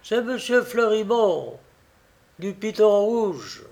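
A man reading an audiobook, voicing a loyal male servant who speaks gravely and calmly. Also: high-pitched, takes it slowly, pitched above the performer's own voice, full character voice. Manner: grave, calm.

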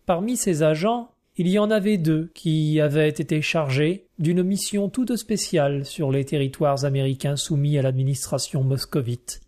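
A man narrating a classic novel as an audiobook, in a clear, steady literary reading. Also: on the high side, moderate pace, few pauses.

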